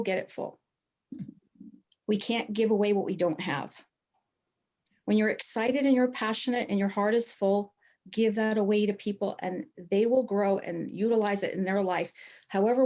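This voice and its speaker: A woman's voice: medium pitch, steady tone, moderate pace, darkish tone, muffled recording. A middle-aged woman coach sharing on a group video call, emotional and earnest as she encourages newer members. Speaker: health coach.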